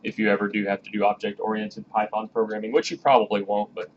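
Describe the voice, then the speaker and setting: A man's voice: fairly low pitch, little pitch movement, quick pace. A man in his thirties teaching a programming class in a classroom, chatty and casual, coaxing students to ask questions. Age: 30s. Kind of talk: classroom lecture. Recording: dull, lo-fi classroom recording with faint background hiss.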